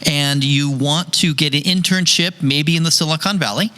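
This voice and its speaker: A man's voice: on the high side, moderate pace, pushed and bright. A man hosting a podcast, chatting casually and jokingly with guests, with plenty of fillers. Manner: chatty, jokey, with many fillers. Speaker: podcast host. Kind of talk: casual interview chat.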